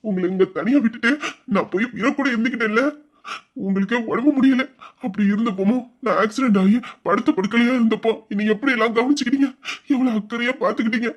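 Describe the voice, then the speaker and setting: A man playing an earnest, emotional young son. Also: extremely high pitch. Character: devoted young adult son, emotional and tender. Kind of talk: audio drama acting.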